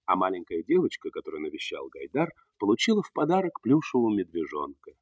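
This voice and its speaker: A man's voice: sits low, wildly swooping pitch, fast, no echo, exaggerated voice. An actor as a solemn male narrator telling a scripted children's story, on a dull, distant recording.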